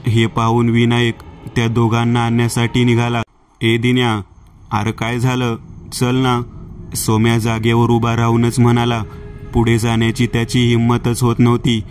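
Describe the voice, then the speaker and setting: A man reading a scripted horror story in a slow, measured way. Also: mid-range voice, slight background noise.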